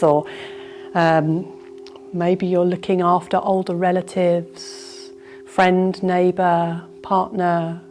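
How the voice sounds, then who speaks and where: Speaking on the low side, a woman leads a guided yoga nidra session. She improvises softly, taking her time in a calming way and pausing to reflect.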